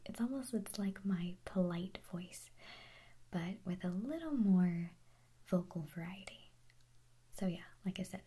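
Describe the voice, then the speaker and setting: Speaking in a gentle, breathy whisper of medium pitch, a young woman responds to questions from viewers in an ASMR clip. Her voice sounds mellow with a slight huskiness. Her talk is chatty and meandering, full of giggles, self-corrections and restarted sentences.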